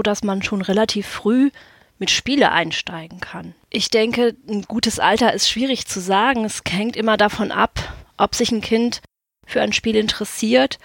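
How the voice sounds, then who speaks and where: A woman explains things as a guest in a conversational podcast. Her mid-pitched voice has plenty of vocal fry and sounds very dry and close. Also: no room sound. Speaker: podcast guest, game shop owner and childminder.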